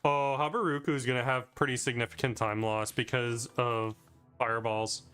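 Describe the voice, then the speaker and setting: A man's voice: mid-range voice, fairly even intonation, normal speed, fairly bright tone, clear, resonant tone, soft background music. A man casually reviewing his own speedrun, talking loosely with plenty of "like" fillers. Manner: rambling, loose, with frequent "like" fillers. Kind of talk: casual commentary over gameplay.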